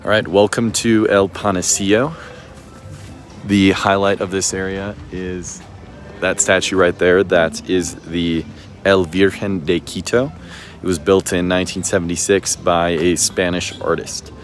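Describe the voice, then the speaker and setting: A man talking casually as a travel vlogger, relaxed and chatty, filling gaps with "you know" and "like.". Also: low-pitched, measured pace, soft background music. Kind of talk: casual travel vlog narration. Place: outdoors on a hilltop city viewpoint.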